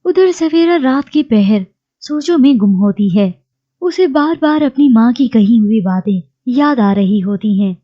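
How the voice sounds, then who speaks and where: Lady reading out a tv drama recap, steady, kinda high voice, dull lo-fi sound. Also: measured pace. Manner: steady storytelling read. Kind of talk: scripted recap narration.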